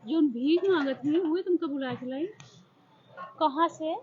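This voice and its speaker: A woman's voice: high voice, measured pace, narrow, tinny audio. A woman, a mother, pleading with and scolding her child with repeated questions.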